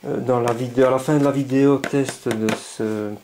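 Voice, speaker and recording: A man casually unboxing paints, chatty and enthusiastic, thinking aloud and haltingly reading labels. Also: mid-range voice, steady tone, noisy background. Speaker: scale model hobbyist.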